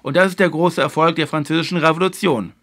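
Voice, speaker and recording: A man hosting a video lecture series, explaining history in a measured way and stressing his key points. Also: fairly high pitch, steady tone, fairly bright tone. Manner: filler phrase "eben halt".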